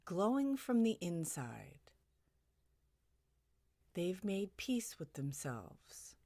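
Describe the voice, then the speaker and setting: This guided meditation is narrated by a woman whose voice sits low, captured close and dry. She speaks at an unhurried pace, letting long silences fall between her soft, calming suggestions.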